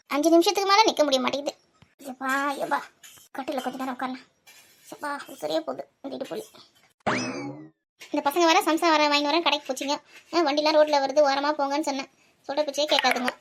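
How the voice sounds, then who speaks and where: A woman voicing a tired, grumbling old grandmother with an aching back, talking soft and low in a comic family skit. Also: a little hiss or hum. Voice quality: soft and low, muttering to herself.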